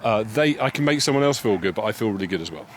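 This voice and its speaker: A man's voice: fairly low pitch, lively intonation, racing, slight background noise. A man co-hosting a podcast while walking outdoors, a chatty upbeat storyteller. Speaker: podcast co-host. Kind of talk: casual walking conversation. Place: outdoors on a walk.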